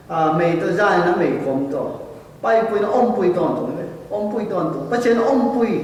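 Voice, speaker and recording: A man preaching a sermon as a pastor in a church, speaking slowly and deliberately. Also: high voice. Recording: echoey church hall, distant mic.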